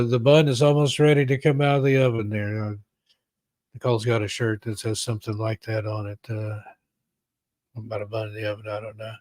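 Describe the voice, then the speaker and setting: Male host for a casual late-night stream. Mid-pitched, rambling delivery full of "uh"s, close and dry. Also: a little mellow, no room sound. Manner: rambling, frequent fillers and throat-clearing. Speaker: live stream host and storyteller. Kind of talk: casual live-stream chat.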